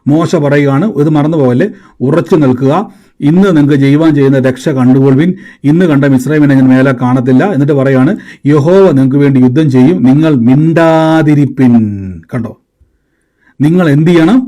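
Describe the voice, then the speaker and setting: A man's voice: mid-range voice, steady tone, fast, warm tone. A man from preaching a sermon, asking the congregation questions and waiting for their answers.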